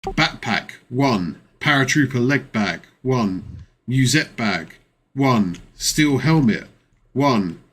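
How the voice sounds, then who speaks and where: A man's voice: mid-range voice, expressive, slow, fairly bright tone, husky, exaggerated voice. A man voicing a male army quartermaster in a tabletop game, reading out a gear checklist item by item. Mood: matter-of-fact.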